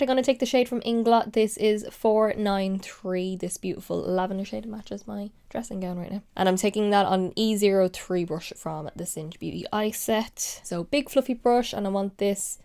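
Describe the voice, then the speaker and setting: A young makeup vlogger chats casually and relaxedly while walking through a makeup look, her mid-range voice slightly nasal and sniffly. She is congested, still recovering from a cold, and now and then drops into soft whispers.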